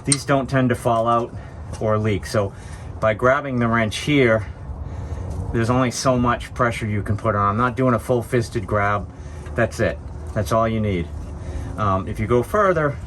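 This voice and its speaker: A man with a stuffy, sniffly voice from a cold hosts a DIY car repair tutorial, explaining each step plainly and casually as he works. His mid-range voice is a bit bright and measured, with clear background noise from the vehicle work around him.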